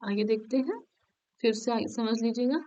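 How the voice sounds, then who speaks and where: A woman teaching an exam-prep grammar lesson. Her voice sits fairly high, and she checks in after every point. She drills each word form slowly and patiently, one at a time. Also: mellow, lo-fi sound.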